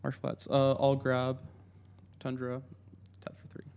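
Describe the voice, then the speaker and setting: A man playing a card game, asking quick questions and announcing his plays. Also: mid-range voice, completely flat delivery, vocal fry, a little mellow, slight background noise. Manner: brisk, checks rules with others. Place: indoor gaming table at a convention.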